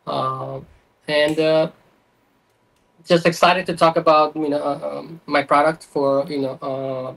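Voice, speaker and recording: A man's voice: a little high, steady tone, takes it slowly, creaky, a bit bright, rough recording. A man in his thirties from Albania, a guest talking about his playing cards in a casual interview with many fillers. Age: 30s. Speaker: guest, playing card designer. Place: small room with playing cards on a desk.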